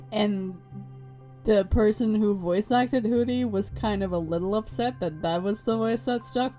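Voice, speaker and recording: A woman's voice: medium pitch, mellow. A young woman streaming a game, giving rambling, sarcastic casual commentary.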